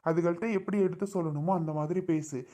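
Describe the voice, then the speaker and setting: Father lecturing his wife on parenting, played by a woman; lower voice, steady scolding tone. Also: fast, lightly acted. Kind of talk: family skit acting.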